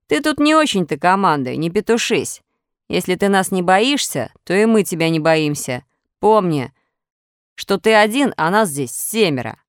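A woman's voice: fairly low pitch, big pitch swings, moderate pace, dry recording, studio quality. A woman voicing a gang of rowdy schoolboys who taunt and threaten in a storybook reading.

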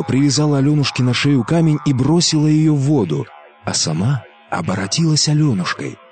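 A man reading a scripted folk fairy tale in an expressive storytelling manner. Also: fairly low pitch.

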